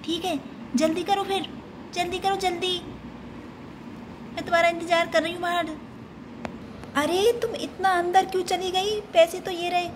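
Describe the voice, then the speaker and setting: Impatient older sister doll, voiced by a woman, high voice, noisy home recording. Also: fairly even intonation, normal speed, long pauses. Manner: scolding, impatient. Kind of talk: doll play storytelling.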